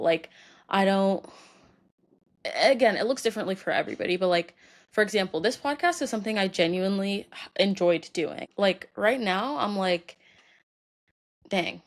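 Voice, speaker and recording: A young woman hosting a solo podcast, talking about her feelings in a halting way with many fillers, tearful and crying at times. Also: mid-range voice. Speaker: podcast host. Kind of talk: personal solo podcast talk.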